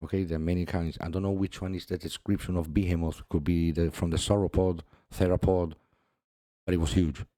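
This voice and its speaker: Deep, dark-voiced man discussing scripture. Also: flat delivery, fairly quick, no echo, clean studio sound. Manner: reads scripture aloud, laughs often, repeats "see". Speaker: religious video host. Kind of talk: casual religious commentary.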